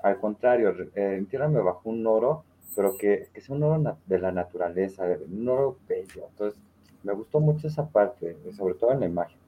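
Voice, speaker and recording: Low-voiced man on a lo-fi call. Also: expressive, fairly quick, a little hiss or hum. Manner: reflective, uses many fillers and tag questions. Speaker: participant reading a poem. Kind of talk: casual literary discussion and poem recital.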